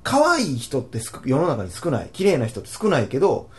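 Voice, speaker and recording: A man's voice: medium pitch, wildly swooping pitch, brisk, a little hiss or hum. A man with a Kansai accent in casual chat, jokey and opinionated as he argues his point.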